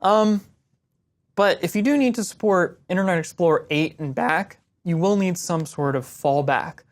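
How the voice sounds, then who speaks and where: Woman, low voice, young adult, web design teacher, casual Q&A, relaxed step-by-step explaining. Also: normal speed. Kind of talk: casual screen-share Q&A.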